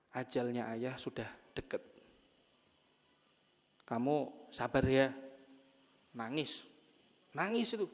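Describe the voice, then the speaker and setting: Preaching to a women's study group in a mosque, a man with a fairly high voice tells humorous stories, jokes with the audience, and asks them questions. The sound has a big-room quality.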